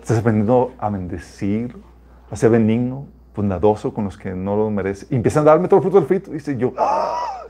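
A man's voice: on the low side, fast talker. Chatty man preaching a testimony. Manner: conversational, addresses listeners as "chicos", animated with laughs. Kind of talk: informal sermon with personal testimony.

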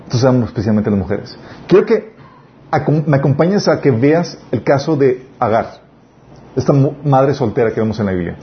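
A man's voice: mid-range voice, animated. Earnest male preacher, lo-fi sermon. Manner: earnest, pausing and restarting words, rising to emphatic peaks. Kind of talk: sermon with scripture reading. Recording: dull lo-fi recording with faint noise.

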